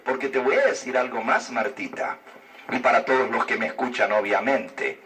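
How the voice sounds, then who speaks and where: A man's voice: medium pitch, expressive, moderate pace, fairly bright tone, recorded from a distance. A man teaching the Bible, answering a viewer's question in an earnest, persuasive way and asking rhetorical questions. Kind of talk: explanatory religious talk.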